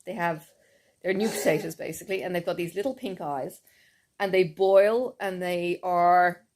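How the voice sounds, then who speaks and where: A woman's voice: lowish voice, fairly even intonation, moderate pace, a little mellow. A woman chatting in a casual, rambling way and laughing often as she talks. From Ireland. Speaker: cross-stitch vlogger. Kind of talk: casual chat.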